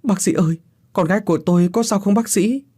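A man voicing a grieving middle-aged mother who pleads through tears in a broken, halting way. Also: mid-range voice, warm tone, husky, pitched above the performer's own voice, close to an everyday voice. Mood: tearful pleading.

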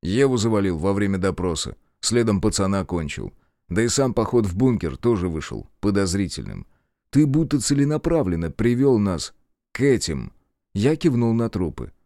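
Low-voiced male narrator, lively delivery, dry close sound, first-person audiobook. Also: moderate pace, no room sound.

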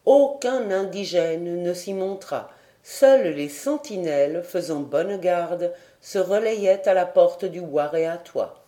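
A woman reading a classic adventure novel as an audiobook, with measured, even storytelling. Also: fairly low pitch. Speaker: audiobook reader.

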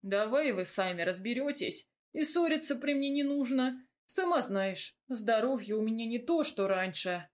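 A woman voicing a kindly, tired old grandfather in an audiobook, speaking slowly with a sigh. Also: a little high, lively intonation, natural voice. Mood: weary. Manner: slow, sighing, gently commanding. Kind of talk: audiobook character voice.

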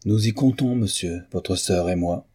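A man's voice: deep voice, unhurried, husky. A man reading a gracious young nobleman. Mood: courteous. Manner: polite and warm formality.

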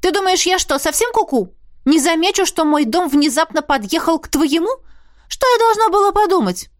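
A woman voicing an indignant, hot-tempered young female student who shouts in angry bursts. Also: lively intonation, moderate pace, no room sound, clean studio sound. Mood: furious. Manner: shrill, exclaiming in angry bursts.

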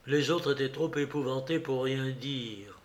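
A man reading a classic novel aloud for radio in a measured, expressive way. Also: mid-range voice. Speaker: reader.

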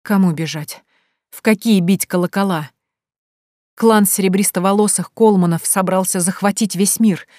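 A woman reading a first-person fantasy audiobook in an expressive, tense way. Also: medium pitch, normal speed, no echo, clean studio sound. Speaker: audiobook narrator.

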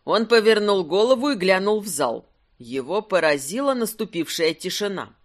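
A narrator reading a fantasy audiobook in a measured, expressive way. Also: mid-range voice.

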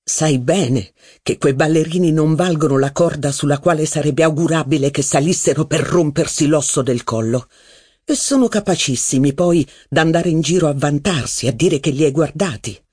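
A man voicing a jealous, gloomy young aristocratic officer in an audiobook, speaking slowly. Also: fairly high pitch, darkish tone, husky, no room sound, clean studio sound. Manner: slow, brooding, pleading. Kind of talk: audiobook character voice.

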